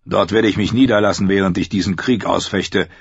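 A man voicing a stern, curt middle-aged king who speaks in a clipped, commanding way with a husky voice. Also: low-pitched, fairly even intonation, fairly quick, dry recording, full character voice. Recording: dull lo-fi audio.

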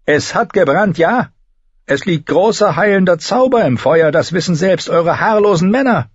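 A man's voice: sits high, animated, normal speed, breathy edge, no echo, voice pushed up. A man voicing a proud older female healer-sorceress in a storybook reading, speaking coolly and ominously. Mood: cool, knowing. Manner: cool, knowing, ominous. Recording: slightly dull recording.

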